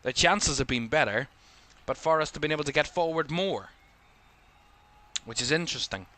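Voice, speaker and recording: A young man with a Northern Irish accent giving live play-by-play commentary on a football match, calling the action quickly and lifting his voice at attacking moments. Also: a little high, bright, forceful tone.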